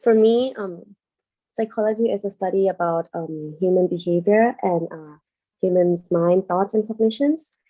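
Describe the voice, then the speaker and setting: A woman's voice: mid-range voice, normal speed, mellow, poor audio. A woman on an online panel over a video call, hesitant and full of fillers. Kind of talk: casual online panel talk.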